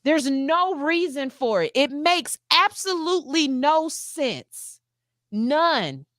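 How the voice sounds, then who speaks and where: A woman's voice: sits high, sing-song, slow pace, a bit bright, no echo, clean studio sound. Earnest woman host in her forties. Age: 40s. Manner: earnest, emphatic, repeats phrases. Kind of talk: heartfelt talk-show monologue.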